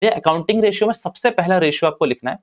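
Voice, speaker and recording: A high-sitting male voice rattles off a casual commerce lesson at rapid-fire speed. He talks chattily to his students, calling them "bhaiya" and restating his points, captured in dull lo-fi audio.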